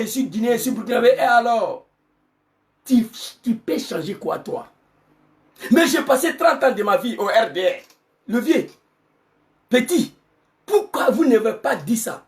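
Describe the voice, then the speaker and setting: A middle-aged man with an Ivorian French accent, an activist giving an angry political monologue full of shouted rhetorical questions. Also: very high voice, distant mic. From Côte d'Ivoire.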